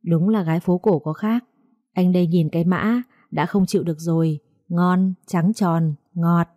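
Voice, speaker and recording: Một phụ nữ đọc giọng gã côn đồ xăm trổ thô tục. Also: female voice, lowish voice, steady tone, moderate pace, mellow, dry recording, studio quality, lightly acted. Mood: leering. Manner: vulgar, taunting, threatening. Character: menacing crude male tattooed debt-collector thug.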